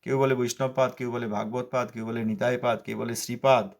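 A man's voice: mid-range voice, flat delivery, brisk, vocal fry. A man giving a devotional sermon as a spiritual teacher, stressing points by repeating them and answering his own rhetorical questions. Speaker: spiritual teacher expounding scripture.

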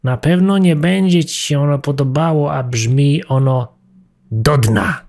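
A man's voice: fairly high pitch, a little slow, darkish tone, voice pushed up. A man voicing a greedy, sly tomcat who coaxes and talks down to his friend. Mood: smug. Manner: sly, coaxing tone. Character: greedy sly tomcat, smooth-talking then menacing.

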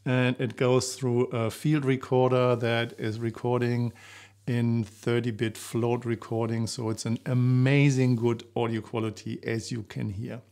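Middle-aged man presenting, even pitch. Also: unhurried. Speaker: presenter, coach and author. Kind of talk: to-camera promotional presentation. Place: small living-room home studio indoors. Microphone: shotgun microphone just out of frame.

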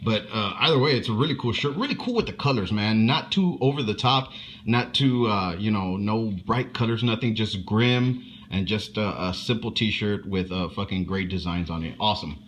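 Low-voiced man swearing through an unboxing. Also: fairly bright tone, slight background noise. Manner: rambling, profane, halting. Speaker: unboxing vlogger. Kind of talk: casual unboxing commentary.

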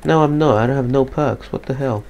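A man giving casual live gameplay commentary, slightly depressed and monotone, swearing casually. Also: mid-range voice, a little fast, lo-fi sound. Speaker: gaming commentator.

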